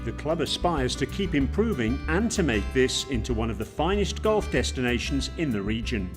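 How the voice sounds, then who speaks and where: Man, sports show host, scripted narration, lively pitch, clear music behind. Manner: smooth, measured voice-over delivery.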